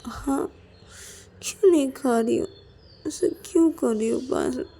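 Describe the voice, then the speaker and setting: A woman's voice: high-pitched, measured pace, vocal fry, mellow, breathy edge, pitched above the performer's own voice, heavily acted. A woman voicing an aunty who keeps asking forgiveness and begging someone to eat. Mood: pleading. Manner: pleading, repeats apologies.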